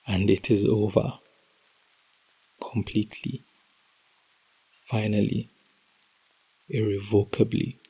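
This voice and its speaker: Slow husky man reading a heartbroken letter. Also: fairly low pitch, flat delivery, mellow, rough recording. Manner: slow, emotional, intimate delivery with whispered passages. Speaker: podcast host.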